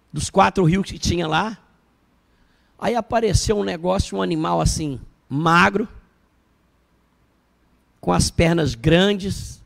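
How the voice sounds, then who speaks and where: With a high voice marked by vocal fry, a male bishop delivers a sermon during a church service. He narrates the story with animation and directs questions at the congregation.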